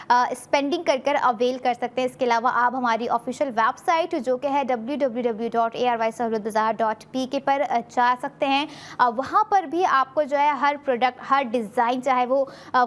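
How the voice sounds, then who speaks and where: A woman with a Pakistani Urdu accent hosting a TV shopping show, giving a persuasive sales pitch full of fillers. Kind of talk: TV shopping presentation.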